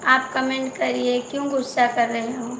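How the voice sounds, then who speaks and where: Female live-stream host, high voice, teasing and pleading, echoey room, clear insect noise behind. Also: flat delivery, normal speed. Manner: pleading, teasing, repeats herself. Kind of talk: casual live-stream chat reading comments.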